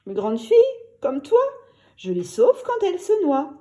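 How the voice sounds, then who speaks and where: Woman doing a gentle male crocodile, calm, reassuring, lively pitch, storybook. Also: normal speed.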